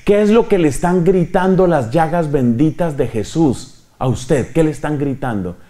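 A man's voice: a little high, normal speed. A middle-aged man, preaching a sermon as a priest, asking his listeners questions and acting out quotes. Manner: animated, questions the audience and acts out quotes.

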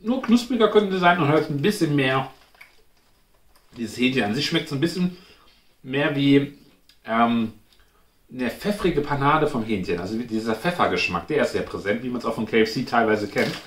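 A man's voice: medium pitch, animated, normal speed. A man, chatting informally as he hosts a taste-test review, thinking aloud. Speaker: food review host. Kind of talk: casual chat, snack taste-test review. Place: indoors at home, in front of a glass cabinet. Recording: roomy echo, clear background noise.

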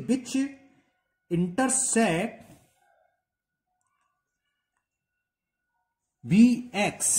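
Lively teacher dictating geometry steps. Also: male voice, fairly high pitch. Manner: talks while writing, dictating slowly, asking checking questions; stretches out dictated words. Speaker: maths teacher. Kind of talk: step-by-step geometry lesson in Hindi with English terms.

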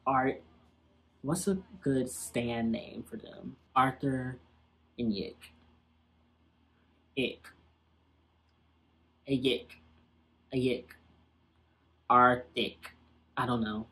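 A man's voice: mid-range voice, flat delivery, extremely slow, long pauses, sharp tone, slightly rough. A young man giving casual, slangy and sassy commentary as he reacts to an old TV episode.

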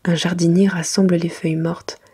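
A woman narrates a children's bedtime book in a very breathy, mostly whispered ASMR voice. Her pitch sits a little low. She reads gently and carefully, as if to young children. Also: level tone, normal speed. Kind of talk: soft whispered ASMR bedtime story reading.

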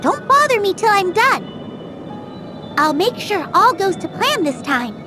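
An actress voicing a tiny, zealous, bossy fairy in a video game, excitable and commanding. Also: female voice, very high-pitched, slow pace, music in the background, heavily acted. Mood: determined.

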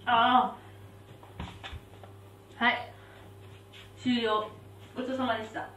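A woman's voice: on the high side, flat delivery, slow pace, fairly bright tone. A young woman hosting a casual live stream, chatting and reacting aloud as she eats spicy noodles and reads out viewer comments. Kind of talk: casual live-stream chat while eating. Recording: roomy, slightly distant mic with faint background hum.

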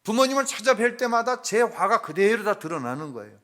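A middle-aged male pastor shares a personal family story during a sermon, shifting from hushed confession to loud, acted-out quotes. His voice is high-pitched and a little fast, with big swings in pitch.

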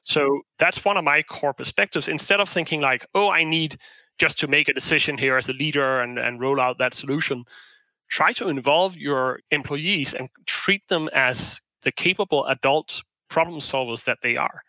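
A man from Denmark talks through ideas as a podcast guest, thoughtful and explanatory, often restarting a phrase. His voice is very bright and forward. The sound is dry and close, with no room around it. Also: a little high, normal speed, no echo, low-quality recording. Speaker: guest, management consultant. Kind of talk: podcast interview answers.

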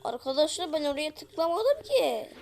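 A woman's voice: high voice, very animated, moderate pace, gravelly, darkish tone. A woman hosting a horror game let's play, talking to her viewers and crying out whenever the game startles her. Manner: jumpy, cries out when startled, keeps addressing viewers. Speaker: gaming channel host.

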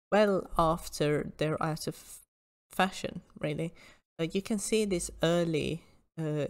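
Woman, lowish pitch, explanatory, precise, measured, informal lecture style. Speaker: presenter.

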